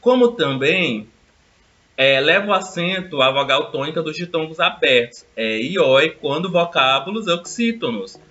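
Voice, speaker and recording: A man's voice: fairly high pitch, lively intonation, sharp tone. Male teacher drilling grammar, lo-fi sound. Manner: explains step by step, stretches example words slowly. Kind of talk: recorded grammar lesson.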